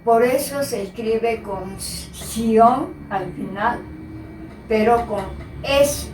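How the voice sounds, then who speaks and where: A woman teacher giving a slow, patient spelling lesson and repeating the key words. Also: fairly high pitch, darkish tone, a little hiss or hum. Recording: echoey room, voice from a distance.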